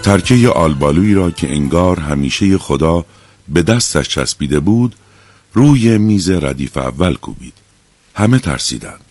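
A man narrating an audiobook in a calm, measured storytelling manner. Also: low-pitched, no room sound, soft background music.

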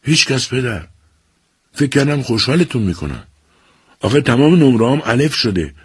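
A man reading an audiobook and voicing an eager, theatrical teenage boy who talks with excitement and dramatic declaiming. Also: mid-range voice, husky, dry recording, studio quality, pitched above the performer's own voice. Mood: pleading.

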